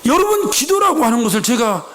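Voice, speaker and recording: A middle-aged male pastor delivers an emphatic church sermon, firing rhetorical questions and acting out little quoted scenes. His voice sits very high for a man and swings widely in pitch. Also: sing-song, brisk, pushed and bright. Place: church sanctuary.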